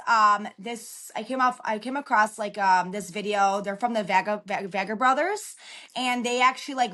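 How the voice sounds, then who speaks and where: A Chicago woman in her thirties, working as a relocation consultant, appears as a guest on a podcast for a casual interview. Her voice is fairly high and sharp-toned, and she talks in a chatty, encouraging way sprinkled with plenty of filler words.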